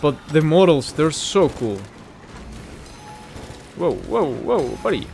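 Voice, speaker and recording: A man's voice: fairly high pitch, sing-song, slow, music in the background. A man giving casual, rambling game commentary while he plays, easily sidetracked by the action. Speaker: gaming video host. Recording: clear background game noise.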